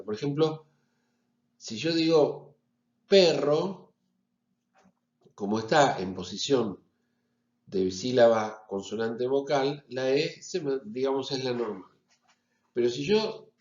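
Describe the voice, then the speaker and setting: A man's voice: mid-range voice, a little mellow. A man with a Rioplatense accent giving a phonetics lecture, explaining step by step and often checking in with the class. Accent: Rioplatense Spanish. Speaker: university lecturer. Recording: echoey, slightly dull recording.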